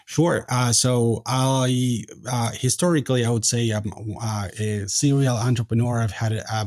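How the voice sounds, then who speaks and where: Low-voiced Argentine man, halting interview guest. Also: a little mellow, dry recording, clean studio sound. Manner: halting, many fillers and restarts. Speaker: guest, tech founder. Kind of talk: casual interview chat.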